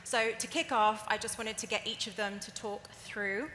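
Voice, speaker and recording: A woman hosts a live panel in a crowded conference hall, chatty and jokey as she sets things up. Her voice is bright and forceful. The room gives a roomy echo with a long tail and faint ambience. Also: mid-range voice, normal speed, a little hiss or hum. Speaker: panel moderator.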